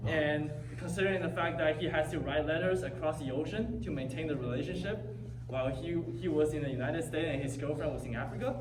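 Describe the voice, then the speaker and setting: A young man introduces a guest speaker at a school event, earnest and a little hesitant. His voice is picked up from a distance in an echoey hall with steady background noise. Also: a little high.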